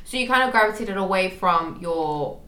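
A young woman from Manchester hosting a casual podcast chat, talkative and quick to laugh at herself. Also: medium pitch, lively intonation, sharp tone. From Manchester, England. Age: young adult. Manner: chatty, laughs easily, self-mocking. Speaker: podcast host. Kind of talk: casual conversation. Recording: echoey room.

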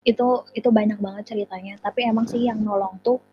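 A young woman with a Sundanese accent, a podcast guest telling lively, slangy stories in casual chat. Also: medium pitch, fast, a little hiss or hum. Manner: lively storytelling, slangy and expressive. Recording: somewhat dull lo-fi sound.

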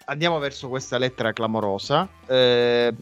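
A man's voice: medium pitch, normal speed, clear, resonant tone. A man hosting a football talk show in casual chat, with an ironic, mock-grand manner. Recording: dry, dull lo-fi audio, music behind. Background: music.

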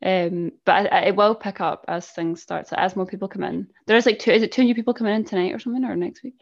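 A woman's voice: mid-range voice, steady tone, fast, gravelly, dull audio. A Scottish woman in her early twenties co-hosting a podcast, chatting sarcastically and laughing often. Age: 20s. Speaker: podcast co-host. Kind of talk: casual chat.

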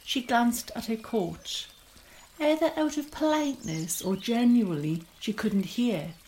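A woman narrating a story in a measured, expressive reading style. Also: a little high. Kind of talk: scripted storytelling.

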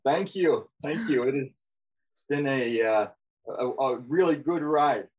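A man's voice: medium pitch, animated, a little slow, darkish tone, breathy edge, lo-fi sound. An Australian man guesting on a podcast in casual chat, speaking hesitantly with many fillers and restarts.

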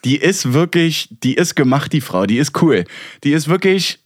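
A man hosting a podcast in casual chat, animated and rambling, with many restarts and fillers. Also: a little high, normal speed, dry recording, clean studio sound. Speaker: podcast host.

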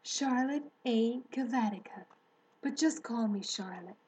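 A woman voicing a kindly, self-assured female spider in a children's storybook, composed, articulate and gently matter-of-fact. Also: on the high side, a little slow, a little hiss or hum, natural voice, rough recording. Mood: calm, candid.

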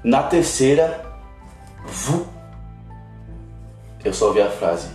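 A man's voice: fairly low pitch, expressive, slow pace, dark tone. Earnest man telling a testimony. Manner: earnest, emotional storytelling. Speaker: guest missionary. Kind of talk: personal testimony in a podcast interview. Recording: roomy, distant mic, faint music.

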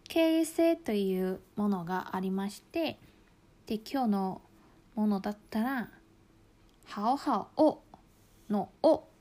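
A woman teaching Mandarin to learners, explaining calmly and saying the example words slowly with strong stress. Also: a little high. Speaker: Chinese language teacher. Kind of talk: language lesson explaining Mandarin to Japanese learners.

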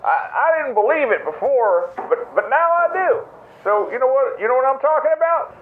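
A man's voice: extremely high pitch, big pitch swings, normal speed. A man playing a goofy, rambling prison inmate who leaves a message on a collect call from prison. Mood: goofy boastful. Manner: rambling, boastful, stammering. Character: goofy male prison inmate calling home. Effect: prison collect call over a phone line. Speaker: caller. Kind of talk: comic voicemail bit. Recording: tinny echoey noisy phone line.

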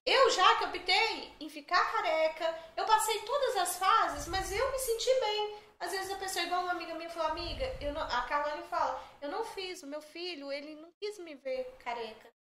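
A woman's voice: very high voice, moderate pace, few pauses. A middle-aged woman telling stories as a podcast guest, chatty and joking. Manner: chatty, jokey, animated storyteller. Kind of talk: casual storytelling chat. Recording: echoey room, faint background noise.

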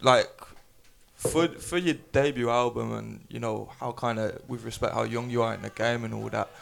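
A man's voice: medium pitch, normal speed, gravelly, noisy background. A man co-hosting a casual interview in an encouraging, informal way. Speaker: podcast co-host.

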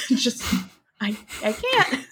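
A woman co-hosting a podcast in loose, casual chat, with a bright, fairly high voice. She talks in an animated, exasperated way, laughing often and swearing freely. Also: extremely slow, slightly rough.

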